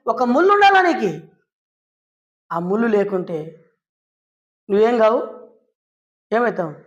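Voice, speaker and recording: A woman preaches with a fairly high voice. She tells stories and keeps asking questions and answering them herself. She briefly acts out the people in her stories. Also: a little slow, muffled recording. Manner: lively, asks and answers her own questions. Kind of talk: storytelling sermon.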